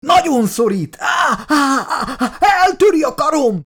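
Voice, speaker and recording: A man's voice: extremely high pitch, big pitch swings, a bit bright, voice pushed up, exaggerated voice. A man voicing a panicking male biologist astronaut, screaming and shrieking in pain.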